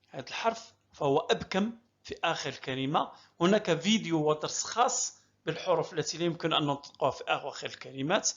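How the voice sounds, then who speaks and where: A woman teaching French reading, sounding out words syllable by syllable and praising often. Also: sits low. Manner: slow, drawn-out syllables with repeated encouragement. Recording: dull lo-fi recording.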